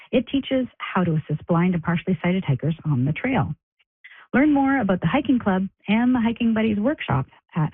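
A woman's voice comes through a tinny landline phone, narrow and dry. She reads a prepared announcement in a steady, slightly husky tone. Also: lowish voice, dry recording. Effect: heard over a landline phone. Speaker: caller leaving a recorded announcement.

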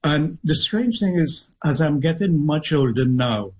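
Man, middle-aged, Trinidadian accent, husky, measured and thoughtful, interview guest. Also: fairly high pitch, animated, rough recording. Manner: measured, thoughtful, with pauses and restarts. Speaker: guest author. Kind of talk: reflective interview storytelling.

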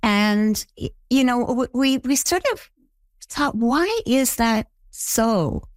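A woman's voice: fairly high pitch, animated, takes it slowly, no echo. An older woman from Canada, a TV show creator, answering interview questions reflectively with stammered restarts.

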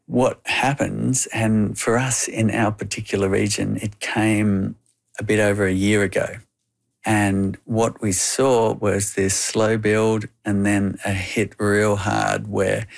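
An Australian man with a low, gravelly voice gives explanatory answers as an interview guest. His intonation stays quite flat and even throughout.

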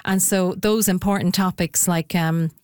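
Lower-voiced woman professor, eager. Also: steady tone, a little slow, darkish tone, smooth, dry recording, clean studio sound. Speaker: professor guest. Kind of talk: radio interview.

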